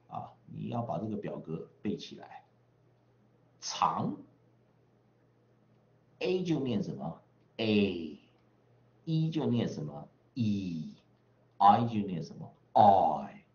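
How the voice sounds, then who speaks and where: A man's voice: fairly low pitch, darkish tone, reverberant, muffled recording. A man from the western United States teaching English pronunciation online, chatty, drawing out vowel sounds in drills with frequent tag particles.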